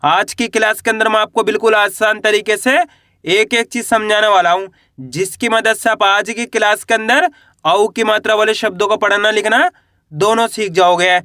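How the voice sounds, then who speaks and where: A man teaching children to read words in an online lesson. He spells slowly syllable by syllable, asks a question, and answers it himself on a low word. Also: steady tone, bright, forceful tone, no echo, studio quality. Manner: slow, drawn-out syllable spelling. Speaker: Hindi reading teacher.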